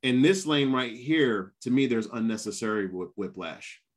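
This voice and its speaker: A man in his fifties chatting casually and telling stories in an animated way, with emphatic repetition. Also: medium pitch, moderate pace. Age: 50s. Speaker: guest, former Marine. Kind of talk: casual conversational storytelling.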